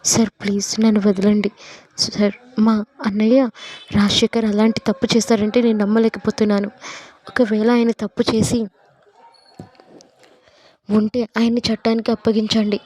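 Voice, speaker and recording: A woman voicing a frightened young woman who pleads to be let go, in a flat, mellow tone. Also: mid-range voice, dry recording, natural voice.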